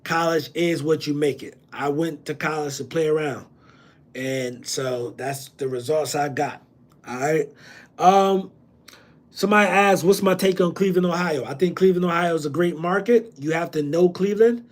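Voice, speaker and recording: This casual livestream Q&A on real estate is hosted by a man from New Jersey whose voice is a little high and paced moderately. Plenty of ums, slang, and repetition mark his loose style.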